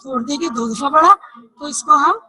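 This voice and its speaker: A woman teaching young children to read, slowly spelling out letters and asking questions she answers herself. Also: high voice, bright, forceful tone, low-quality recording. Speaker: Urdu teacher. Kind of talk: online reading lesson for children.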